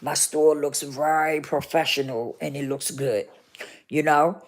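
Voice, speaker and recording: A woman's voice: sits low, steady tone, measured pace. Earnest woman giving a motivational heart-to-heart. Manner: earnest, repetitive, checks in with "okay?" and "right?". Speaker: vlogger.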